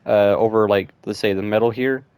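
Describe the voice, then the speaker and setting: A man's voice: lowish voice, steady tone, a little fast, a little mellow, clear, resonant tone, no echo. A man giving casual, rambling gameplay commentary, thinking aloud with lots of fillers. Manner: rambling, loose, with frequent fillers like "and stuff".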